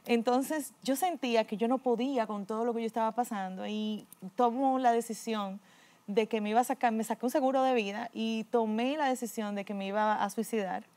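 A middle-aged woman, earnestly telling her personal faith testimony, often dropping to a quiet voice. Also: on the high side, steady tone, a little fast. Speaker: guest giving a testimony.

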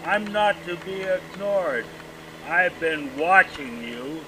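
A man voicing a lonely, jealous male mountain who is courting a lake, speaking in loud proclamations. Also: high voice, takes it slowly, pitched above the performer's own voice, full character voice. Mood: insistent. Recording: distant mic, outdoor noise.

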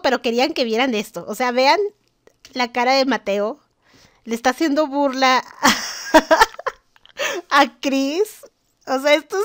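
Young woman, gaming vlogger, high bright register, chatty and teasing commentary. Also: no echo, studio quality. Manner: chatty, exasperated, jokes with game characters. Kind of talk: casual gameplay commentary.

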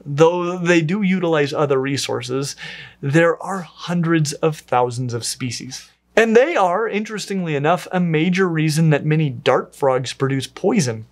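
A man with a slightly raised voice narrates a science lesson on small creatures. He reads from a script and drops in dry, wry little asides. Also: on the high side. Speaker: educational video host.

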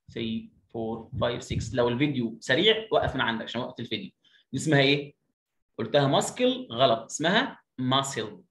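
A man with an Egyptian Arabic accent giving an online phonics lesson. He counts aloud slowly, then drills each word by repeating it. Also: medium pitch, fairly bright tone, roomy sound. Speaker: phonics teacher.

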